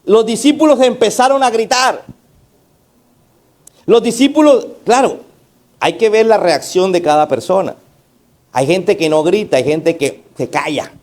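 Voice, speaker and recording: Emphatic high-voiced man preaching a sermon. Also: measured pace, long pauses, darkish tone. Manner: preaching with rhetorical questions and call-outs to the congregation; emphatic, varying between raised and low delivery. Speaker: pastor.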